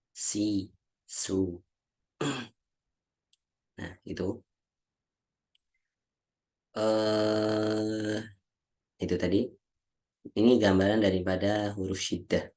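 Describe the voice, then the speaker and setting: A male Quran recitation teacher giving a lesson on how Arabic letters are pronounced, slowly drilling syllables one by one and often clearing his throat, over a video call. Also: lowish voice, little pitch movement, darkish tone. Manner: slow, patient, repeats each syllable aloud as a drill.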